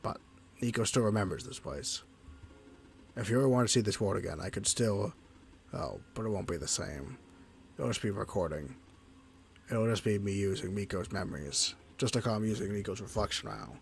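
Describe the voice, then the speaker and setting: A man voicing a calm, melancholy game machine that narrates with solemn, subdued resignation. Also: fairly low pitch, normal speed, vocal fry, slight background noise, voice pushed down. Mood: resigned, solemn.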